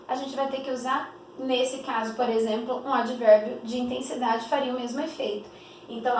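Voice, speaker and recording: A woman teacher with a high voice gives an explanatory grammar lesson in a didactic manner, stretching example phrases out slowly and pausing often for rhetorical questions to her students. The room sounds echoey, her voice is a bit distant from the mic, and faint hiss sits in the background.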